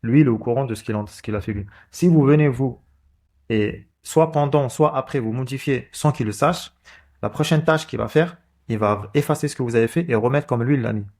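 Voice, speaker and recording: Walking through code in a relaxed screen recording, this man, a coding channel host, thinks out loud and keeps restarting and using fillers. His medium-pitched voice is darkish in tone, and his pace is a little fast.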